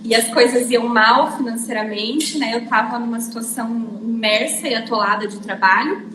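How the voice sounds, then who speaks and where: A woman's voice: fairly high pitch, steady tone, moderate pace. A woman who teaches pastry, chatting as a guest on a live stream. Her voice comes through a phone with an echo. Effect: echoey doubled sound over a phone line. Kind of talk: casual live-stream chat. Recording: echoey phone audio with clear background noise.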